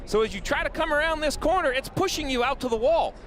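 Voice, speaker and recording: High, quick-talking male race analyst. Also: fairly bright tone. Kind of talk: live motorsport commentary, explanatory. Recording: clear vehicle noise behind the voice. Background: race cars and outdoor track noise.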